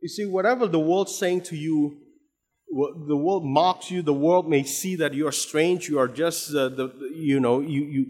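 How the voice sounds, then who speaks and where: A man from Indonesia, speaking with an Indonesian accent at a moderate pace, preaches in a fairly high, slightly mellow voice. He frequently restarts and repeats words while building to emphatic stress, recorded with long hall reverb.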